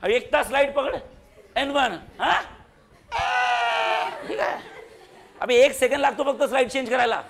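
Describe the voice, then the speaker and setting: A man's voice: very high voice, a little slow, gravelly, pauses often, a bit bright, raised voice. A man teaching a physics class in a classroom, quizzing and teasing his students with jokes. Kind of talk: classroom lecture.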